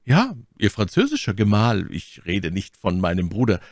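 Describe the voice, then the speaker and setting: Brief: sardonic aristocrat, read by a male narrator, dry close sound, calm menace. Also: lowish voice, no echo. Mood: ironic. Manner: coolly sarcastic, measured threats. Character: cold, mocking English lord, calm and menacing. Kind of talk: audiobook character reading.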